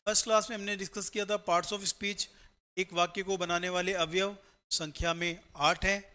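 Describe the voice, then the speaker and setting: A male grammar teacher giving a step-by-step classroom lecture for exam students, often checking in with a quick "right?". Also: high voice, level tone, sharp tone.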